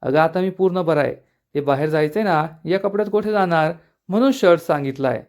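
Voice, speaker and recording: Brief: stubborn boastful old man, voiced by a man, brushes off worry, slightly high voice. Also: brisk, a little mellow, close to an everyday voice.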